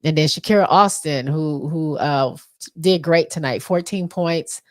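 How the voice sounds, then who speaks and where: Stuffed up from allergies, this American co-host rattles off stats in a rather low, unhurried voice. Her casual sports recap is full of ums and other fillers.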